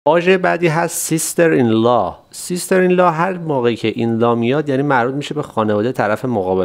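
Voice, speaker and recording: A man teaching English family words to learners, politely, drawing out each word slowly for them to repeat. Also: mid-range voice. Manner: slow, drawn-out repetition of words for learners; polite, formal greeting. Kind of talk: vocabulary lesson.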